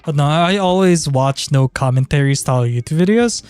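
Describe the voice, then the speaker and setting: A man's voice: fairly high pitch, expressive, normal speed, darkish tone, clean tone, no room sound. A man chatting casually on a livestream in an informal, sweary, rambling way. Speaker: streamer. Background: background music.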